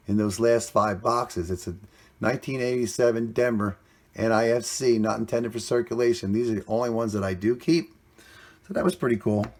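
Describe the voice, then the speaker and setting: A man hosting a coin roll hunting vlog, talking casually and plainly, cheerful about each find, recorded indoors on a camera mic. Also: medium pitch. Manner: chatty, plainspoken, upbeat about finds.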